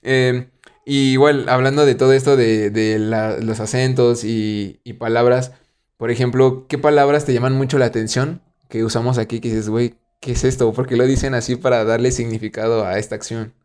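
A man with a Mexican accent hosting a podcast, asking long rambling questions in a relaxed, slangy way. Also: medium pitch, normal speed, clean tone. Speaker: podcast host. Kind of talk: casual chat.

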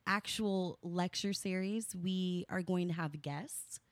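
A woman's voice: fairly low pitch, takes it slowly, no room sound. A woman co-hosting a podcast in casual chat, chatty and self-deprecating, laughing often. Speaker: podcast co-host.

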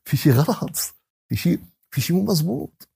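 A man with a Levantine Arabic accent teaching a religious lesson in colloquial dialect, with plenty of jokes and rhetorical questions. His voice sits high and swings widely in pitch, and he talks fast. The tone is gravelly and husky. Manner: animated, joking, many rhetorical questions. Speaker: Quran teacher.

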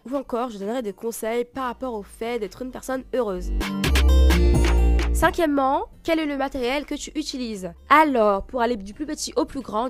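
A woman hosting a personal podcast in monologue, answering questions, with a lisp that makes her s sound slushy. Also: a little high. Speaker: podcast host. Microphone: own microphone with homemade pop filter.

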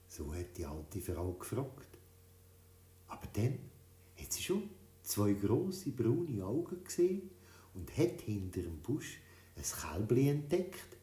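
A man reading a children's story, in a lively, expressive telling. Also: lowish voice. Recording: roomy echo.

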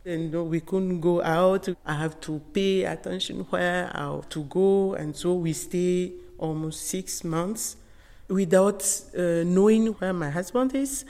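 Middle-aged woman, Togolese accent, unhurried and halting interviewee, lowish voice, long room reverb. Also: dark tone. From Togo. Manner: halting, non-native English phrasing. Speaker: interviewed photographer. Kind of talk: personal recollection in an interview. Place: indoors in an exhibition gallery with long reverb.

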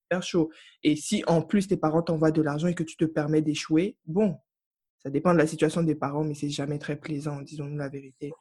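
On a casual podcast, a young African woman tells stories with emphasis and animation. Her voice is low, husky and a little fast.

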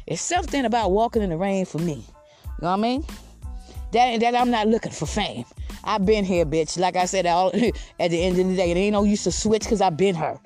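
A woman's voice: mid-range voice, fairly quick, a little mellow, faint music behind. A woman podcast host calling out from her backyard, ranting casually in a brash, defiant, profane way. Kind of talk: casual rant with rhymed boasts. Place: outdoors in a backyard.

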